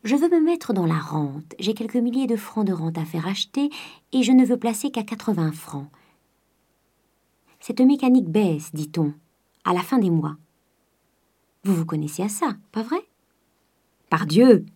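A woman's voice: medium pitch, very animated, mellow, husky, exaggerated voice. A woman voicing a miserly old winegrower who stammers and plays the fool. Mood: conspiratorial. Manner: halting, stammering.

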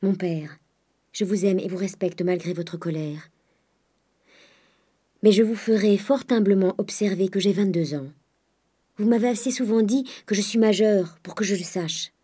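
A woman voicing a quietly defiant daughter of twenty-two who answers calmly, respectfully and firmly. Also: mid-range voice, moderate pace, pauses often, husky, natural voice. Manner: calm, respectful but firm.

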